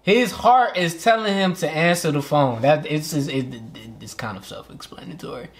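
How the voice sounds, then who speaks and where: A man's voice: fairly high pitch, moderate pace. A man co-hosting a casual music video reaction, talking loosely and acting out quoted lines in put-on voices.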